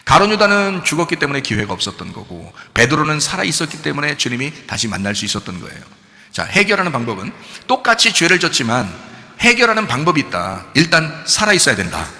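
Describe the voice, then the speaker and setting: A man preaching from the pulpit, retelling a story with quick, lively delivery and a wide-ranging pitch. His voice is bright and forward. It rings with the long reverb of a church sanctuary. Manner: animated storytelling, switching between plain speech and polite address. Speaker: pastor. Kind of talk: sermon.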